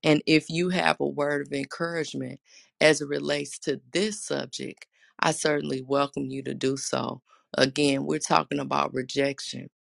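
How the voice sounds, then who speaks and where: Raspy, gravelly devotional speaker. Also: mid-range voice, flat delivery, normal speed, a bit bright, no echo, clean studio sound. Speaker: host of a faith talk. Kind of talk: devotional talk and prayer.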